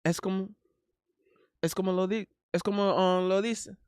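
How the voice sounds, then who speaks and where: Born in Miami into a Haitian family, a man who hosts livestreams and sings chats casually in English and Spanish, his native English peppered with hesitant ums. His voice is high-pitched, clean, and steady, moving a little slowly. The recording is dry, with clean studio sound.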